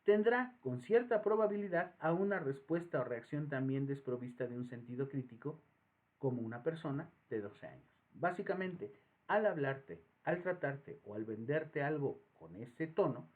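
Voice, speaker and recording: Casting: lively Mexican male lecturer, sweeping pitch, phone-quality sound. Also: moderate pace. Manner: animated, acts out voices in anecdotes. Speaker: psychology professor. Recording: tinny phone-like audio.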